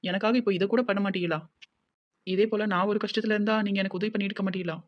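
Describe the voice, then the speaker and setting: A devoted young village woman with a Tirunelveli accent, as a voice actor plays her in a cartoon. She talks quickly in a gentle, comforting voice and keeps insisting. The sound is dull and lo-fi. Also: mid-range voice, steady tone, no room sound, close to an everyday voice. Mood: insistent. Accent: Tirunelveli Tamil.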